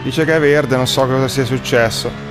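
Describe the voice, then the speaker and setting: A man giving casual sim racing commentary, his voice hoarse and worn after the flu, chatty with his viewers. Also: mid-range voice, fairly even intonation, normal speed. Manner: chatty, addresses viewers as guys. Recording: faint music underneath.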